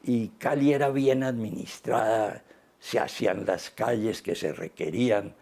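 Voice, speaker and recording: A man, speaking as an interview guest in an unhurried, reflective way, pausing often. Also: lowish voice, creaky, darkish tone. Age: 80s. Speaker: interview guest, business founder.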